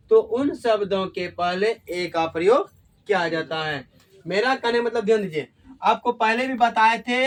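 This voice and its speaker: Man, high-pitched voice, classroom grammar lesson, asks questions and echoes answers. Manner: call-and-response questioning, repeats key words. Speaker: teacher.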